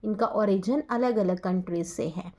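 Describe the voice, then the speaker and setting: A woman's voice: medium pitch, moderate pace, darkish tone. A woman with an Indian accent, teaching an English lesson and explaining patiently, spelling words out letter by letter.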